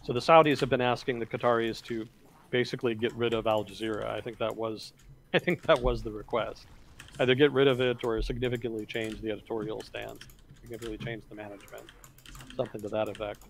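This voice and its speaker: A man co-hosting a casual livestream, explaining world affairs in a measured way with fillers and self-corrections. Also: fairly low pitch, steady tone, gravelly, slight background noise. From United States.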